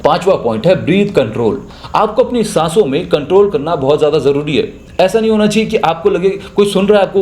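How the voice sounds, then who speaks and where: A man's voice: sits high, a little mellow, echoey room, slight background noise. A young man with a Hindi accent, teaching voiceover in a casual, chatty spoken tutorial. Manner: chatty, explains with spoken examples.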